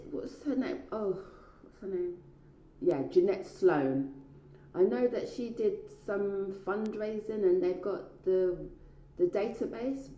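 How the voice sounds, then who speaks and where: A woman's voice: mid-range voice, mellow, a little hiss or hum. A middle-aged British woman giving a conversational, self-filmed talk as a knitter and researcher, recorded on an indoor staircase. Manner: conversational, playfully questioning herself. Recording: dull, echoey stairwell sound.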